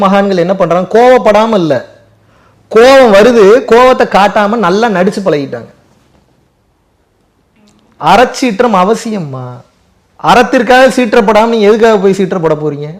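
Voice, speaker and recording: A man's voice: high-pitched, animated, moderate pace. A man answering audience questions in a spiritual talk, driving his points home with rhetorical questions and emphatic repetition.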